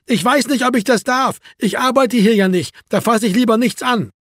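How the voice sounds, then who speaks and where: A man voicing a dim-witted, stubborn male neighbor in a high, whiny, sing-song voice. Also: lively intonation, a little fast, no room sound, clean studio sound.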